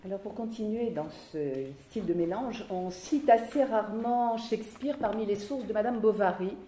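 A woman lecturer giving a literary lecture in a measured, explanatory way, in a roomy space with faint background noise. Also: mid-range voice, warm tone.

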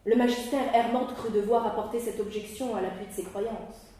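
A woman reading a classic novel aloud in a measured, expressive storytelling manner. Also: fairly high pitch. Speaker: audiobook reader. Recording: echoey room, mic far off.

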